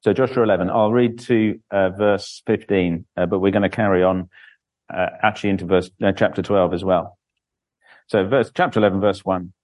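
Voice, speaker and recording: Male preacher, lowish voice, reads scripture then preaches with rising urgency. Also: steady tone, normal speed, a little mellow. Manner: reads scripture steadily, stumbling over names, with frequent "uh" fillers. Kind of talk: scripture reading and sermon.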